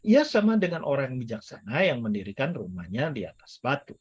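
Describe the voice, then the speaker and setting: A man with a medium-pitched, slightly rough voice preaches briskly in a sing-song manner. He's a guest speaker giving a casual teaching sermon, joking around and mixing in English, at a church service or online meeting.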